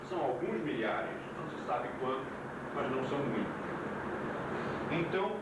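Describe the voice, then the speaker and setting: A man's voice: mid-range voice, animated, moderate pace. A man giving a classroom lecture, quizzing his students, heard from an old VHS tape recording. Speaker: yoga teacher. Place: lecture room. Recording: hissy old VHS tape, far mic, echoey room.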